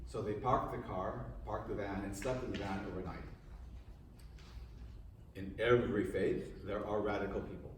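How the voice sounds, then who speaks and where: A man's voice: lowish voice, a little mellow. Male priest, informal class lecture, asks the room questions, distant mic, big echo, faint hiss. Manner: conversational, quizzes the audience. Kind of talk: informal lecture to a parish group. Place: large room with a live audience.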